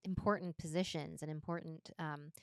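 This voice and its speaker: Smooth low-voiced woman chatting. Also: fairly even intonation, no room sound, studio quality. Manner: agreeable, quick to affirm with frequent "yeah". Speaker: podcast co-host. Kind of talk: casual chat.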